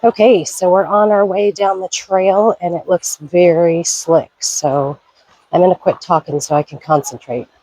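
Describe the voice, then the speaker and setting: A woman with a head cold and a raspy, congested voice chats upbeat while filming a walk down a forest trail to a waterfall. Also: lowish voice, steady tone, a little slow, dark tone, no room sound, rough recording. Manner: chatty, upbeat, pointing things out. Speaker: vlogger. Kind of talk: casual hiking vlog.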